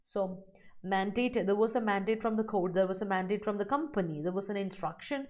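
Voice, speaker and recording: A woman teaching English vocabulary in a live online exam-prep class. She explains each word in Malayalam and reads student answers aloud slowly. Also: medium pitch, a little mellow.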